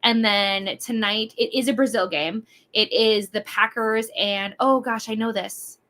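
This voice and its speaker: Bubbly, rambling woman host, bright voice. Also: a little high, measured pace. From Wisconsin. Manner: chatty, bubbly, rambling with many fillers. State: over-caffeinated and hyper. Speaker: livestream host. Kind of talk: casual livestream chat.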